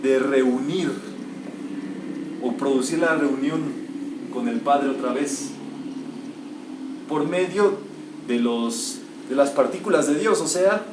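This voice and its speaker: A metaphysics teacher gives a spiritual lecture to a live group in an echoey room, speaking emphatically and quizzing listeners with rhetorical questions. His voice is medium-pitched and slow with frequent pauses. The mic is far off and there's faint hiss.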